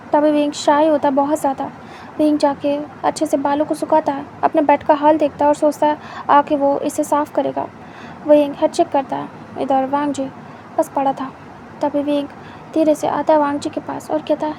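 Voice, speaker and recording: Woman reading a fan story, steady and even, mellow voice, faint hiss behind. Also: high-pitched, normal speed, poor audio. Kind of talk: fan fiction story narration.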